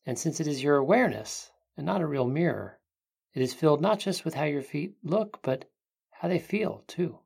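An expressive, medium-pitched meditation narrator speaks like a sleep story reader. The creaky voice offers gentle, hushed guidance with long pauses.

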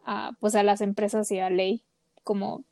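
A woman's voice: mid-range voice, flat delivery, moderate pace, vocal fry, warm tone, dry recording. A woman co-hosting a casual podcast chat, talking with lots of fillers. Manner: chatty, many fillers. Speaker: podcast co-host.

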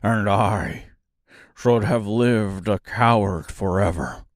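A man voicing the Lion, a big gentle beast, speaking slowly and low. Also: no room sound, clean studio sound. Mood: earnest. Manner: deep, slow delivery. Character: big gentle male Lion, deep-voiced.

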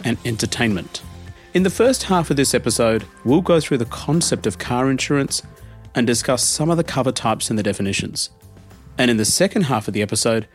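A man's voice: mid-range voice, no room sound, studio quality. A man hosting a podcast, giving a prepared explainer. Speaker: podcast host.

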